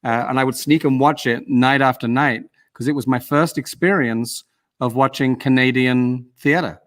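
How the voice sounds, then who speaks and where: A man's voice: medium pitch, fairly even intonation, normal speed, a bit bright. A man from the UK hosting a casual interview over a video call, chatty and rambling with some teasing. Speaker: host.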